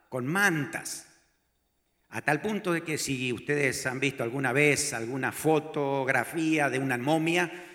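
Bright, lively-voiced preacher man. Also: on the high side, echoey room. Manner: animated storytelling, acting out quoted voices. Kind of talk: sermon.

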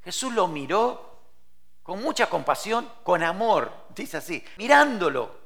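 A man's voice: unhurried, vocal fry. A man preaching a sermon, swinging his voice up and down and acting out scripture dialogue as he tells it. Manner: expressive preaching with wide swings in pitch and loudness; quotes and acts out scripture dialogue.

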